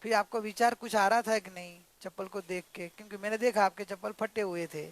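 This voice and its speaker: A man voicing a calm, humble young daughter-in-law who speaks softly and apologetically. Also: high-pitched, fairly quick. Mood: gentle, humble. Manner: soft, gentle, apologetic.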